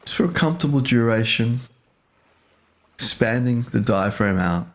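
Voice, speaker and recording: A man teaching a guided meditation speaks in an expressive, medium-pitched voice. His delivery is gentle and leisurely, made of short phrases with pauses.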